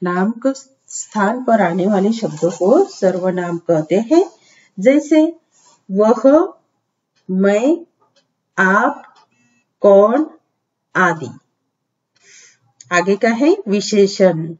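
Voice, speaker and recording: A woman teacher reading out and explaining a children's grammar lesson, repeating each definition slowly for young pupils. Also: medium pitch, expressive, a little mellow. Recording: slightly dull lo-fi audio.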